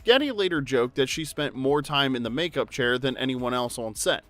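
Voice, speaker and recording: A man's voice: mid-range voice, animated, normal speed, a bit bright, soft background music. A man narrating a trivia video in an upbeat, jokey, conversational way. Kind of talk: scripted narration.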